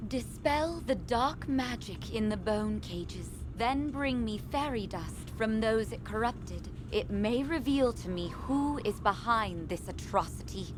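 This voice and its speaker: A woman voicing a gentle, solemn magical mentor in a video game, with measured and earnest theatrical delivery. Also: a little high, lively intonation, background noise. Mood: solemn, encouraging. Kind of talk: video game quest-giver acting. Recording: game music behind.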